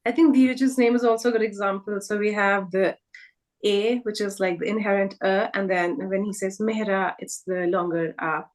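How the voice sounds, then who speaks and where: A woman whose first language is Hindi leads a live online workshop over a video call, carefully repeating each name as she explains it. Her voice is medium-pitched and steady, at a moderate pace.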